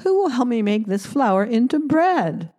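Storybook hen, small and stubborn, high insistent asks by a woman narrator. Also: very animated, measured pace, mellow. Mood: asking. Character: hardworking little red hen, small, determined.

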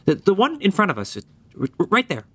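An actor playing a nervous young junior detective who stammers and hesitates. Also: male voice, sits high, huge pitch swings, quick pace, slight background noise. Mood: anxious. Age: young adult.

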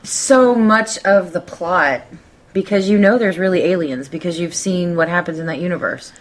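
A woman's voice: fairly low pitch, normal speed. A woman in casual chat, gushing and enthusiastic.

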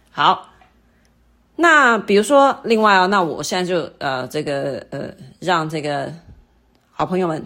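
A middle-aged woman hosting a lesson, explaining English word stress to listeners patiently and repeating each example word slowly. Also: fairly low pitch, a bit bright. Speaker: English teacher and podcast host.

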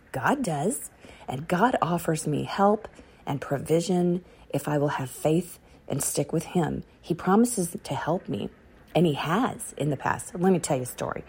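A middle-aged woman telling a personal faith testimony outdoors on a dark autumn morning, earnest and repeating key phrases for emphasis. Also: low voice, gravelly, husky.

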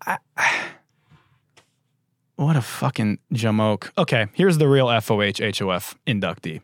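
A man hosts a comedy podcast in a sarcastic, profane rant, breaking into laughter often. His pitch swings widely as he jokes. The sound is dry and close. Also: animated, measured pace, no room sound. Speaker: podcast host. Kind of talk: comedic talk monologue.

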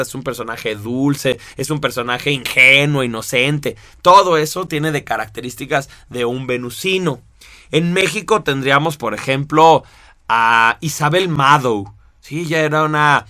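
Man teaching, bright clear voice, dry close sound, talks straight to the listeners. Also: a little high, no echo. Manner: conversational, addresses listeners directly with examples. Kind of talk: explanatory talk to an audience.

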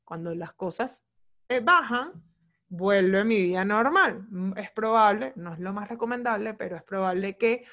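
A woman's voice: mid-range voice, animated, moderate pace, fairly bright tone. A woman, a podcast host coaching her listeners in a casual talk, often checking in with "ok?". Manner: chatty, frequent "¿ok?" check-ins, varied pace.

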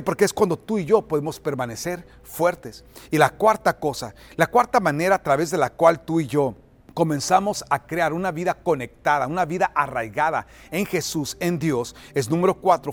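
A man preaching a sermon as pastor, emphatic, often asking the congregation to repeat his words and building to loud, forceful peaks. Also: fairly high pitch, animated, normal speed, faint music behind. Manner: rises to loud, forceful delivery at climaxes.

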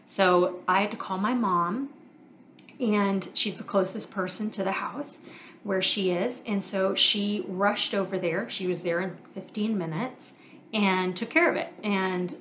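On her podcast, a woman in her thirties who works as a marriage coach and therapist shares a casual personal monologue. Her middle-pitched, slightly bright voice is candid and reflective as she thinks aloud with fillers, pausing and restarting. A faint hiss runs beneath the audio.

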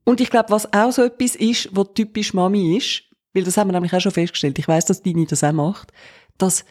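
A woman's voice: mid-range voice, quick pace, darkish tone. A young woman with a Swiss German accent, co-hosting a podcast in casual chat and playfully acting out quoted voices. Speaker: podcast co-host.

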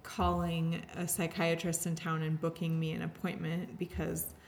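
Woman, lowish voice, earnest candid interview chat, lots of likes, bit of hiss. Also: monotone, normal speed, vocal fry. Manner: earnest, heartfelt, heavy use of "like" and restarts. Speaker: podcast guest sharing her story.

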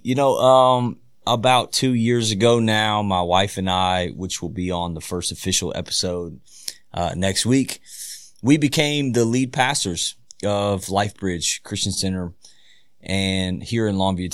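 A pastor chatting on a podcast, relaxed and quick to laugh. His voice sits a little low and he takes his time with each thought. The sound is close and dry, with no room around it. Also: dry recording. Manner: laughs easily, relaxed storytelling. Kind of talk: casual podcast chat.

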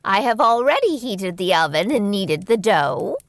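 A woman's voice: mid-range voice, sing-song, moderate pace, no room sound, voice pushed up. A woman voicing a mean, greedy old witch in a storybook tale, speaking in a menacing, wheedling way. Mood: scheming.

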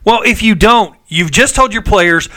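A man's voice: high voice, expressive, normal speed, bright, forceful tone. An older man, a former football coach, co-hosting a casual sports talk show and telling stories with emphatic, run-on phrasing. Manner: emphatic, storytelling, stacks clauses with "and".

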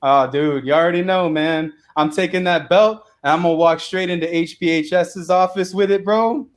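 A young man, a real estate investor, talking in an energetic, slangy way as an interview guest. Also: a little high, normal speed. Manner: energetic, slangy, says bro and dude a lot. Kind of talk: casual interview talk.

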